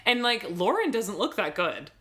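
A woman co-hosting a podcast, chatting casually as she recaps a TV episode and acts out quick quotes. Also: a little high, sing-song, a loud crowd. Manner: chatty, narrates scenes with quick quoted asides. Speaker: podcast co-host.

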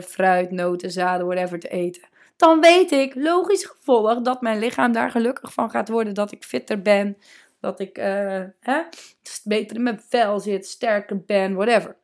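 A woman coach hosting a solo podcast, talking casually and emphatically, slowing down to stress her points and dropping in English words. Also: mid-range voice.

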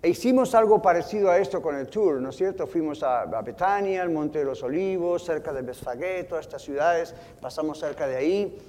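A man preaching a sermon from the pulpit, earnest, slowing down and softening when he quotes scripture. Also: a little high, expressive, big-room sound, slight background noise. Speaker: pastor. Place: church sanctuary.

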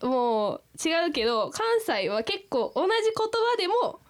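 Young woman, high bright pitch, bouncy lively intonation, casual podcast chat, earnest and expressive. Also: measured pace. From Saitama. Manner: expressive, earnest, laughs easily. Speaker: podcast co-host.

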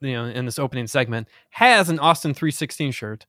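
A man's voice: medium pitch, animated, a little fast, heavy background noise. A man co-hosting a podcast in casual chat, self-deprecating and laughing as he talks. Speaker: podcast co-host.

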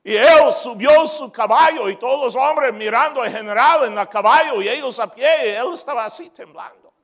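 A man preaching a sermon as pastor, moving from shouted peaks to joking asides. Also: extremely high pitch, normal speed.

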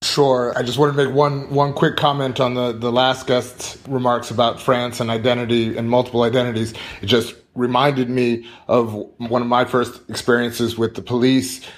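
Flat-voiced man. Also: mid-range voice, normal speed, hardly any pauses. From United States. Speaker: panel guest. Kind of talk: panel discussion.

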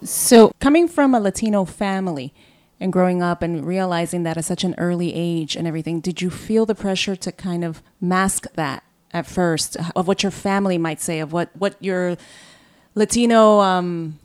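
A woman with a clear, smooth voice on the lower side co-hosts a podcast. She talks in a conversational interview style. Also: moderate pace, darkish tone. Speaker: podcast co-host.

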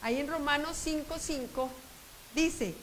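A woman's voice: high voice, unhurried, fairly bright tone, slight background noise, poor audio. A woman preaching a sermon at a conference, emphatic and conversational, speaking straight to her listeners. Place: conference hall.

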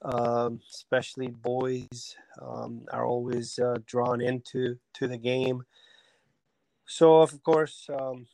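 A man in his forties from Albania, a soccer technical director, telling his story in a relaxed interview with plenty of ums and restarts. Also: medium pitch, no room sound, poor audio. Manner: hesitant, many ums and restarts. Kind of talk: casual interview talk.

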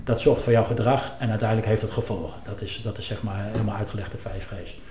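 A man's voice: lowish voice, fairly even intonation, fast, background noise. A man, a former club executive, speaking reflectively and hesitantly in a conversation with many fillers. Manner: thoughtful, hesitant, full of fillers and self-questions. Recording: roomy with faint ambience.

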